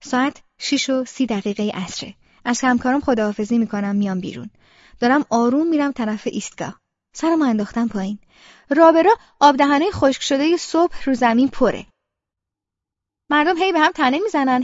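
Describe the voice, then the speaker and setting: A woman's voice: high voice, a little mellow, no room sound, dull audio. A woman narrating a first-person audiobook in an inward, present-tense monologue.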